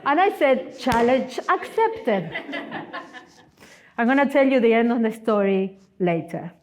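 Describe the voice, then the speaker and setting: A woman's voice: on the high side, measured pace, a little hiss or hum. A woman in her forties giving a sermon as a guest speaker, telling personal stories with humorous asides. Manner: animated, storytelling, humorous asides. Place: church.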